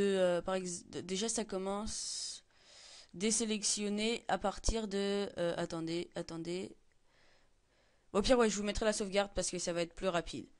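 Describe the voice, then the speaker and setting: A teenage boy makes a screen-recorded tutorial walking through a game mod, hesitating and packing his speech with fillers and self-corrections. His voice is high-pitched, clear and resonant.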